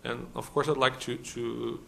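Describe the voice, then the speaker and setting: A Brazilian law professor and panelist gives his conference talk in a hall, his middling voice showing little pitch movement, some vocal fry and a bit of brightness. His accented English is hesitant, laden with "uh"s and restarts, over a faint hiss.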